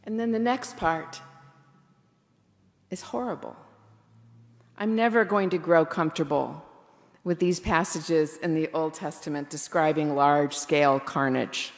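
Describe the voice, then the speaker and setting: A woman pastor preaching a sermon in a reflective, candid way, slowing down for emphasis. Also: low-pitched, long reverb tail. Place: church.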